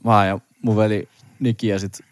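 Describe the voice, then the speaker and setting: A man's voice: on the low side, little pitch movement, no echo. A young man from Finland, a podcast co-host chatting casually with wry joking remarks. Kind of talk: casual chat.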